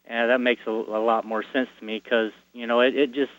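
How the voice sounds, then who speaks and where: A man's voice: medium pitch, level tone, a little fast, no room sound. A man calling in over the phone, hesitant and repeating his words as he asks a Bible question. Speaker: caller. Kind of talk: caller asking a Bible question. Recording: muffled phone line.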